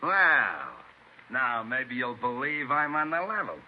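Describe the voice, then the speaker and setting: A man's voice: medium pitch, very animated, slow pace. An actor playing a cocky, defensive murder suspect under interrogation in 1940s radio style, with slangy, indignant tough-guy talk. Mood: smug. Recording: muffled, hissy old radio recording.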